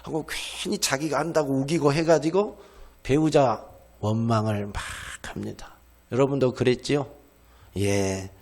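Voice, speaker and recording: A middle-aged man, a pastor, preaching a sermon. He keeps asking the congregation questions and answering them himself, acts out people's complaints in lively voices, and lets many phrases sink to a hush. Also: mid-range voice, a little slow. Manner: drops to a hushed voice at the ends of phrases.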